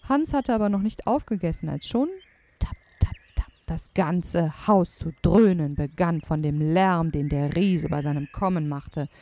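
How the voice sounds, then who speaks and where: A woman's voice: low voice, measured pace. A woman telling a fairy tale aloud to children, speaking to them directly. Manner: animated, addressing listeners directly. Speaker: storyteller.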